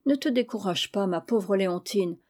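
A woman reading a gentle, wise uncle. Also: medium pitch, normal speed, close to an everyday voice. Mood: reassuring. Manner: calm, reassuring, gently firm. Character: kind, wise middle-aged uncle, a steady comforter. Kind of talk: audiobook reading of a classic novel.

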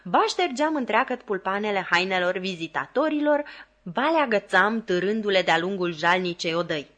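A woman reading a classic novel aloud as an audiobook, in a measured narrating voice. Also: mid-range voice, animated, fairly bright tone. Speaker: audiobook reader.

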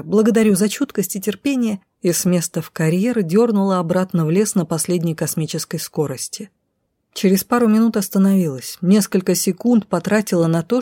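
Woman audiobook narrator, expressive first-person reading, mellow voice, dry close sound. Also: fairly low pitch, no room sound.

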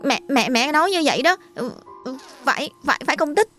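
A woman's voice: high-pitched, animated, a little fast, sharp tone, faint music behind, voice pushed up. A woman voicing a frightened young boy who stammers and repeats his words. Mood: scared.

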